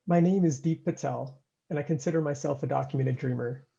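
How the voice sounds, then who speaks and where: A young man from India calmly introducing himself and his background. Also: on the high side, a little fast, gravelly. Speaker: interviewee. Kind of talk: personal introduction. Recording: dull lo-fi sound.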